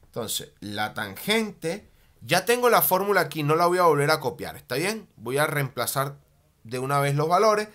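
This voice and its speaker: A man teaching a math lesson at a board, animated, often checking in with a quick "ok?" and slowing down on key terms as he writes. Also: on the high side. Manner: slows down and stretches key terms while writing.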